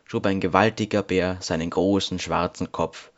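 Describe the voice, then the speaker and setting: A man reads a fairy tale in a calm, measured way. His voice sits low. The recording sounds dull and lo-fi. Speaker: narrator. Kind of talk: scripted fairy tale narration.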